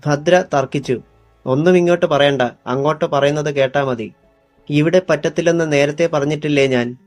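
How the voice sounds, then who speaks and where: A man's voice: on the high side, no room sound. A man reading a crime thriller audiobook, voicing all the characters' lines in his own voice. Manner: reads every character's lines in his own voice, lightly varied. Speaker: audiobook narrator. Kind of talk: scripted audiobook narration with character dialogue.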